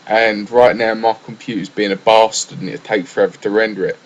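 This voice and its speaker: Casual solo podcaster: young English man, lowish voice, loose, rambling delivery with lots of fillers. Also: little pitch movement, fairly quick, dull audio. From England. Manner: rambling, chatty, with frequent fillers and restarts. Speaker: gaming podcaster.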